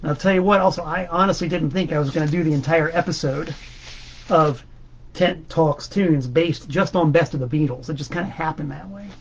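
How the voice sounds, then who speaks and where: A man's voice: a little high, a little fast, lo-fi sound, slight background noise. A man hosting a casual monologue about records, enthusiastic and rambling, with emphatic repeats. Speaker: host.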